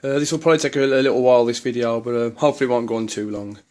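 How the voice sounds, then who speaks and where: A man's voice: mid-range voice, fairly even intonation, very fast, a little mellow. A man casually walking through his horror film collection, rambling with many ums and restarts. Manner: easygoing, plainspoken opinions.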